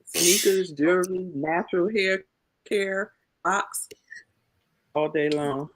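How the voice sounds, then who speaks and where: A woman's voice: on the low side, slow, poor audio. An American woman chatting casually as a guest caller on a live stream. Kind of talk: casual chat.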